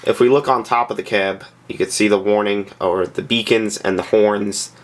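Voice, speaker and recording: A man narrating a casual, unscripted review of a scale model, speaking plainly with frequent pauses and filler sounds. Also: fairly low pitch, fairly even intonation. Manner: plain-spoken and candid.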